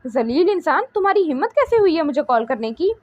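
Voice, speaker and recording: Audiobook heroine: indignant, sharp young woman, read by the narrator, high bright voice, lo-fi. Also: big pitch swings, brisk, dry recording. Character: proud upset young woman, defiant.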